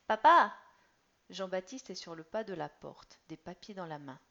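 A woman reading a story aloud in a measured, expressive voice that sometimes drops almost to a whisper. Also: on the low side, vocal fry. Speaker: narrator. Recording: slightly dull lo-fi recording.

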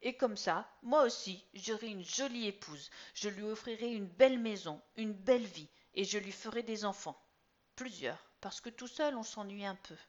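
A woman reading a story aloud, voicing an earnest, eager teenage boy with high, insistent and sometimes whiny outbursts. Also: lively intonation, a little slow. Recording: slightly dull lo-fi recording.

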